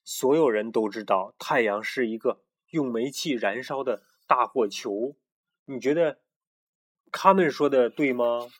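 A man reading a picture storybook aloud to a child in a relaxed way, often stopping to ask the listener questions. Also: medium pitch, unhurried, breathy edge. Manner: chatty, stops to quiz the listener. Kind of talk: casual read-aloud storytelling.

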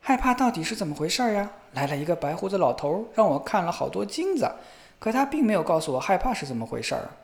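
A man voicing fearless young lad, cocky and boastful, high bright voice, fairy-tale hero. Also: big pitch swings, fast, vocal fry, heavily acted. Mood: puzzled, wistful. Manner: boastful, shouting.

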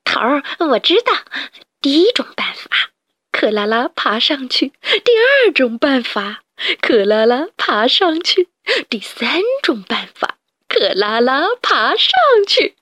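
A woman's voice: sits high, sing-song, slow pace, bright, forceful tone, breathy edge, dry recording, studio quality, exaggerated voice. A woman voicing an eager, fawning male rat henchman in a storybook.

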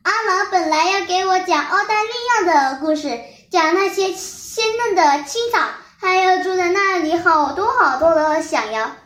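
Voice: very high-pitched, normal speed, bright, forceful tone, roomy sound, voice pushed up, exaggerated voice. A child voicing a naive, eager little lamb in a storybook. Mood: tearful.

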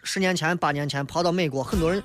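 High-voiced joking man with a Shaanxi accent. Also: fast. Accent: Shaanxi dialect. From Shaanxi, China. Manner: wry, joking, mocks misconceptions in a lively banter. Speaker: radio talk show host. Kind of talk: comic talk radio monologue.

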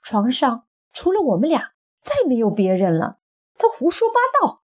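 Woman doing a grown man who never grew up, folksy and defensive, breathy. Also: medium pitch, lively intonation, measured pace, darkish tone. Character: stubborn bearded husband, childish and defensive.

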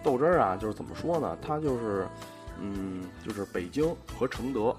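A man's voice: fairly low pitch, expressive, moderate pace. A man with a Beijing accent chatting casually on a panel, explaining things colloquially with rolled erhua endings. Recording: music playing behind the voice. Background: music.

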